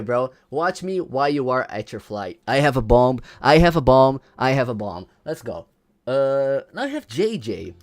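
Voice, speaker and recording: A man's voice: medium pitch, darkish tone. A man livestreaming casually. He says "bro" and "you know" all the time, repeats his lines, and reads chat messages aloud before answering them. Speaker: livestreamer ranking game items.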